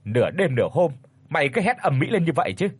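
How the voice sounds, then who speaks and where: A gruff old country father fusses and scolds in quick bursts, as a male narrator puts him on. His voice rises and falls a lot and has a slightly husky grain. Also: a little high, big pitch swings, no echo, pitched above the performer's own voice. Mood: scolding worried. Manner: scolding, fast, rustic.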